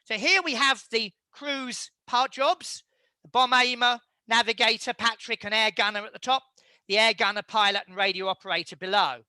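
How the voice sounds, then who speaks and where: A man giving an illustrated history lecture, measured and halting, with frequent fillers. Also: high voice, steady tone, pushed and bright, clean tone, dry recording.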